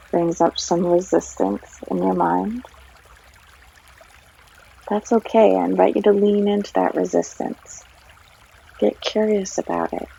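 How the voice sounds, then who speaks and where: A yoga guide narrates a soothing guided meditation, her voice low-pitched, breathy and creaky. She takes her time, speaking gently with long pauses between phrases. Flowing stream water can be heard behind her, and the audio is a little dull.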